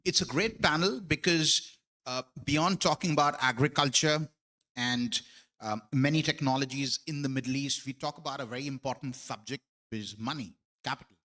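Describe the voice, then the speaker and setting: A man's voice: medium pitch, moderate pace, sharp tone. A man with a New Zealand accent opens and moderates a panel discussion. He is friendly and informal, with a mid-range male voice.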